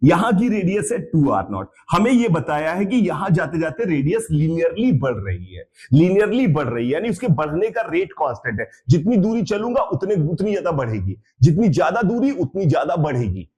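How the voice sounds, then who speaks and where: A man's voice: a little high, sing-song, brisk, few pauses, darkish tone. A man teaching physics. He drills students with repeated questions and throws in blunt, scolding asides. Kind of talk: live online lecture.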